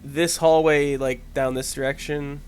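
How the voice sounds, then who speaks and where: A man's voice: on the high side, level tone, unhurried, clean tone. A man playing a tabletop game, chatting casually in a hesitant, joking way. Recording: faint background noise.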